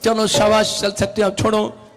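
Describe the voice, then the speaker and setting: A man's voice: high voice, monotone, moderate pace. A man, a pastor leading a healing service, urging and commanding people to rise and walk, breaking into repeated chanted syllables. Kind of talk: urgent healing prayer and exhortation. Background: worship music.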